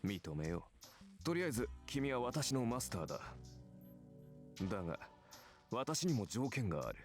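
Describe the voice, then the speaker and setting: An actor playing a proud, condescending warrior servant in an anime-style game, speaking in a cool, lecturing way. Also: male voice, medium pitch, sing-song, quick pace, faint music behind, lightly acted.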